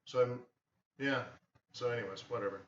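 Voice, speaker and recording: Hosting a live forex trading stream, a man of medium pitch and normal pace rambles through stories in relaxed conversation, animating them with acted-out quotes. The audio comes across as distant, roomy, and somewhat dull, with a little hiss or hum.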